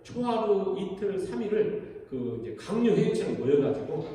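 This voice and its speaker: Korean pastor preaching in an echoing hall. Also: male voice, high voice, very animated, moderate pace, mellow. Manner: retells scripture with acted quotes of the characters. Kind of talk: sermon. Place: church sanctuary. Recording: echoey hall recorded from a distance.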